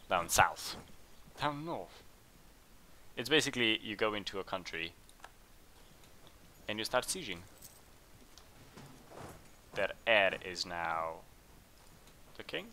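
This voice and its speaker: A man hosting a let's play, chatting casually and thinking aloud as he plays, with bursts of excitement in tense moments. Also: on the low side, slow pace, long pauses, slight background noise. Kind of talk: casual game commentary.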